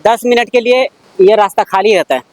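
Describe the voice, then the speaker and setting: A man answering a street interviewer, arguing rapidly and with heat. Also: high voice, a little mellow, no echo.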